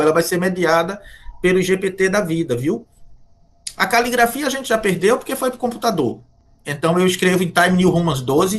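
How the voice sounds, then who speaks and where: A man's voice: sits high, a bit bright. A man from Brazil, a history professor being interviewed, talking in a reflective, lecturing way with rhetorical questions and many check-in tags. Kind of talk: academic interview talk.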